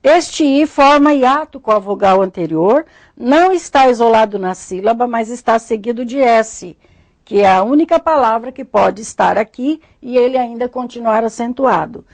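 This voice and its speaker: A woman with a Brazilian Portuguese accent giving a recorded grammar lesson, methodically explaining rules and spelling out example words slowly. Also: fairly high pitch, a little mellow, no echo. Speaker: Portuguese teacher.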